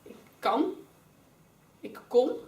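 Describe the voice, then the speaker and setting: A woman's voice: very slow, darkish tone. Young Dutch woman teaching in an echoey classroom. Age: young adult. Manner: explains step by step, calls on pupils by name. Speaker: student teacher. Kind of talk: classroom grammar lesson. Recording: roomy classroom sound, mic far away.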